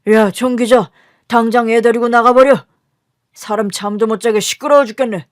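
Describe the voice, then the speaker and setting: A woman voicing a harsh, short-tempered father who shouts coarse scolding at his daughters in a radio drama. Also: a little high, steady tone, moderate pace, no echo, studio quality, natural voice. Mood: furious.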